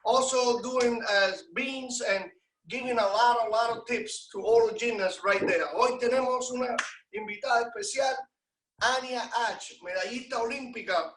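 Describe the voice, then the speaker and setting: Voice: medium pitch, a bit bright. A host making announcements and introducing a guest in a presenter style, picked up from a distance in an echoey space. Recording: roomy echo, distant mic.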